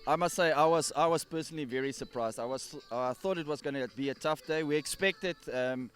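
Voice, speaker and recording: Male official, earnest, stumbling over words, slightly high voice. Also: fairly quick. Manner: earnest, restarts and repeats words. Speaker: tournament director. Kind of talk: interview answers. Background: faint music.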